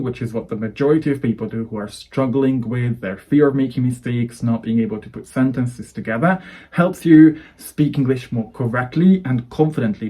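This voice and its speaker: This man's medium-pitched voice is mellow with a slightly rough edge. Originally from Hungary and speaking with a Hungarian accent, he gives a persuasive, earnest English lesson to camera, assembling lists of phrases as he goes.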